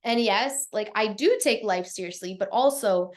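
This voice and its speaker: A woman's voice: medium pitch, moderate pace. A woman coaching live over a video call, talking casually with lots of fillers and some swearing. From Canada. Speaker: life and business coach. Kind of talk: live-streamed coaching talk. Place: Portugal.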